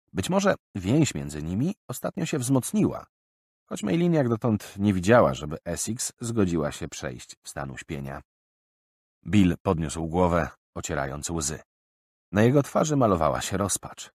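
A man reading an audiobook aloud in an expressive, varied manner. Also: sits low, dry recording, studio quality. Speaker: audiobook narrator. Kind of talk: scripted narration.

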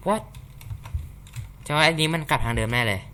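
Bright-voiced man chatting through a game. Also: fairly high pitch, big pitch swings, normal speed, slight background noise. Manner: chatty, reacting aloud as he plays. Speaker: gaming channel host. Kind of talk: casual game commentary.

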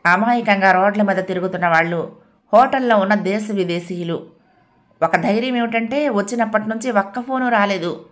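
A woman reading an audio novel aloud as narrator, in a calm, steady storytelling manner. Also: mid-range voice.

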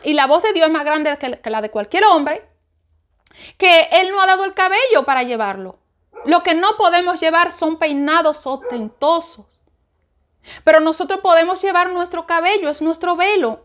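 A woman's voice: sits high, fairly bright tone. A woman giving spoken Bible teaching, repeating her points emphatically with many restarts. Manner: repetitive, emphatic preaching with restarts.

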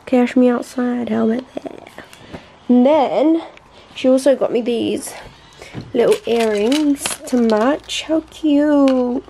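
A woman's voice: on the high side, slow, mellow, a little hiss or hum. A young woman talking in a gushing casual vlog, groggy from just waking up. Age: young adult. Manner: gushing, says "literally" and "wow" a lot. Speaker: vlogger.

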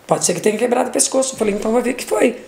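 A woman's voice: on the high side, racing, vocal fry, a little mellow. A middle-aged woman with a Brazilian Portuguese accent, a mother giving an emotional personal testimony and acting out each person's words. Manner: retells scenes by voicing each person, with many restarts. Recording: roomy echo.

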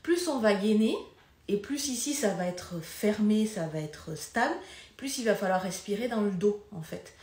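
A woman's voice: medium pitch, expressive, normal speed, a little mellow, reverberant. A woman physiotherapist gives a live lesson on pelvic floor health. She talks conversationally, loses her thread and comes back to it, and moves around while she demonstrates.

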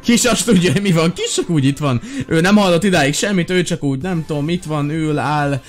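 A man hosting a gaming video, giving excited, chatty commentary straight to his viewers. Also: a little high.

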